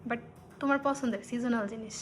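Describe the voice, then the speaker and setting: A woman's voice: on the high side, fairly even intonation, quick pace, noisy background. Chatty woman vlogger from Bangladesh. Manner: chatty, keeps asking viewers "okay?", hushed when sneaking. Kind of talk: casual vlog to camera. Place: home in Singapore.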